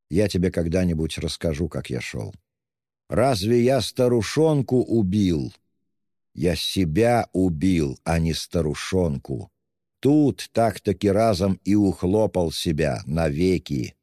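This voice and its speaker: Man voicing a tormented young killer, deep. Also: warm tone, no echo, studio quality, big-room sound. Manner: brooding, intense. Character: tormented young male murderer, feverish and brooding. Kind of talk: audiobook reading.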